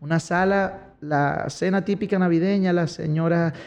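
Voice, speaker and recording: A young Venezuelan-accented man with a high voice speaks at normal speed. He's a singer-songwriter animatedly telling stories in a casual interview, captured on a dull lo-fi recording.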